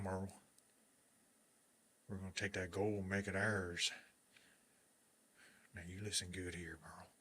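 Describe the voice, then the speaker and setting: Scheming Old West bandit, played by a man, bright hard-edged voice, drawling, bossy and greedy, for a Western drama. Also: deep voice. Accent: American Old West drawl. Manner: folksy, commanding, conspiratorial. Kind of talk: Western audio drama acting.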